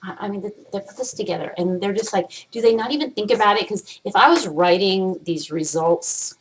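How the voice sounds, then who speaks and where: A vlog host talks to camera in a medium-pitched, fairly quick voice. Her chat is casual and candid, rambling and full of swearing, and she playfully slips into different voices.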